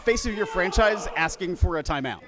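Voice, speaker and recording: Male wrestling commentator amid a loud crowd. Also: high voice, animated, brisk. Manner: wrestling commentator delivery, conversational, reacting with short exclamations. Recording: noisy live event with loud crowd. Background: crowd and event noise.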